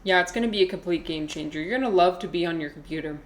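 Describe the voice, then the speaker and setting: A woman's voice: fairly low pitch, very fast. A woman game streamer chatting casually with viewers as she plays, in a playful, offhand, easily sidetracked manner. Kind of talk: casual gameplay chat with viewers.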